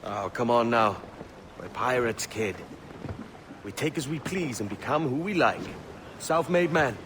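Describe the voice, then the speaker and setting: An actor playing a brash, self-assured pirate captain in a video game. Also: male voice, medium pitch, lively intonation, unhurried, background noise, natural voice. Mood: cocky. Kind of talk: video game character acting.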